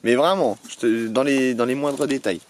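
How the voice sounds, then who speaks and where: A man's voice: mid-range voice, normal speed, a little hiss or hum. A man chatting casually outdoors in a forest at night, telling jokes with lots of hesitations. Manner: joking, storytelling with hesitations. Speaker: vlogger. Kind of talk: casual chat.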